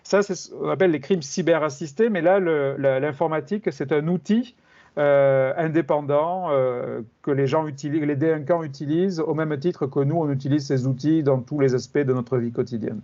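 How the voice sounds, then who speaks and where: A middle-aged man from France, a criminology professor explaining his field in an interview, measured and hesitant with many fillers. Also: fairly high pitch, mellow, highs cut off.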